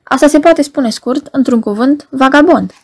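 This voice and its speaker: A woman reading the lines of a stern, ailing Roman procurator, speaking quietly in a flat monotone without raising her voice. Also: high voice, voice pushed up. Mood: cold. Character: cold ailing Roman procurator, stern middle-aged man.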